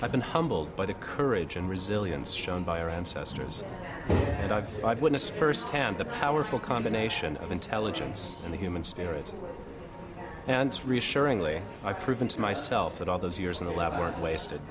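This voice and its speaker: A man reads a documentary voice-over in a very deep voice. His manner is reflective and earnest, and loud music plays beneath him. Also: expressive, moderate pace. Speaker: documentary narrator.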